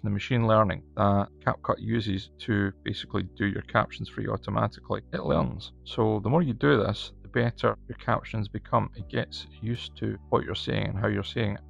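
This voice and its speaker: A man's voice: lowish voice, creaky. A man with a broad Scottish accent hosting a casual step-by-step video tutorial. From Scotland. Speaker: tutorial host. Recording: echoey room, slightly dull sound.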